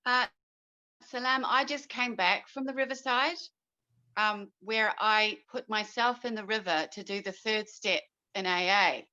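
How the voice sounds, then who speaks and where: A woman's voice: medium pitch, measured pace, bright, forceful tone, lo-fi sound. A woman sharing sincerely and gratefully during a workshop video call. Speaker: workshop participant.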